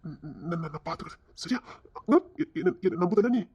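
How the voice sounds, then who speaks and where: A woman's voice: fairly low pitch, animated, a little fast. A woman voicing an eager young man who coaxes and reassures his girlfriend. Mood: reassuring. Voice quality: husky. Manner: coaxing, soft reassurances.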